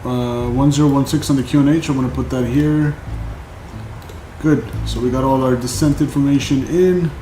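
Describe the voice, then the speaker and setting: A man's voice: mid-range voice, steady tone, normal speed, warm tone, soft background music. Man thinking aloud in a roomy space. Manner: thinking aloud, reading out figures. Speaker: flight simulator live streamer. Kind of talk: casual running commentary while flying.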